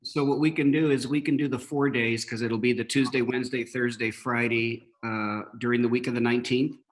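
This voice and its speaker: A man addresses a school board as its superintendent, at an ordinary middle pitch. He speaks haltingly, full of fillers and restarts. He has the hiccups. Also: steady tone, rough recording. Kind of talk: board meeting discussion.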